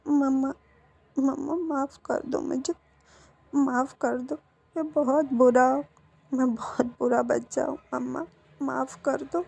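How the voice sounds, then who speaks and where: A woman's voice: high voice, level tone, unhurried, vocal fry, mellow, breathy edge, heavily acted. A woman voicing a remorseful young man who begs his mother's forgiveness, tearful and stammering. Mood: pleading.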